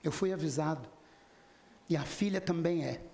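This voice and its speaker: A man with a somewhat high, gravelly voice delivers a spiritist lecture as a story. He slips into the quoted lines of the people in it and turns to address the audience directly. The sound carries the echo of a hall. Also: moderate pace, warm tone. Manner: retells dialogues in quoted voices, speaks directly to listeners. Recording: echoey hall.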